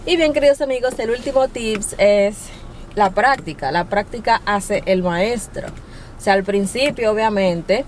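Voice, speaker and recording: A woman's voice: mid-range voice, a little mellow, a little hiss or hum. Encouraging Spanish-speaking woman vlogger. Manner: friendly, encouraging, laughs often. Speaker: vlogger giving language-learning tips. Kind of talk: casual to-camera advice talk.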